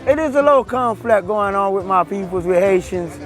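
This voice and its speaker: A restaurant owner from Miami, Florida gives a street interview outdoors on a busy street, amid music and crowd noise. He talks in a loose, emphatic way, his voice high-pitched, animated and fairly quick.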